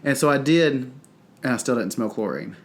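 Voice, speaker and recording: Speaking expressively at normal speed in a mid-range voice, a Southern-accented podcast co-host from North Carolina chats casually and rambles, with plenty of fillers. His voice sounds congested and stuffy-nosed.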